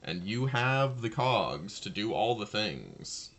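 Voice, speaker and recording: A man casually commentating his own card game match, thinking aloud and talking to his opponent, his voice low and slightly gravelly. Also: sing-song, slow pace, a bit bright.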